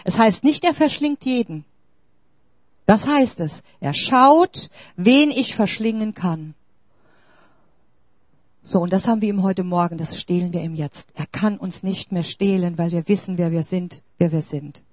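A woman's voice: on the low side, moderate pace, mellow, dry recording. A woman preaching a sermon, emphatic, questioning the congregation directly and rising to exclamations.

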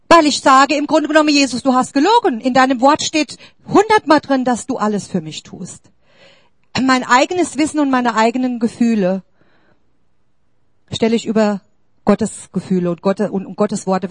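A woman preaches a sermon in a fairly high voice, the sound dry and close. She talks emphatically and puts direct questions to her listeners. Her delivery keeps rising to exclamations. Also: no room sound. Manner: addresses the congregation directly with questions.

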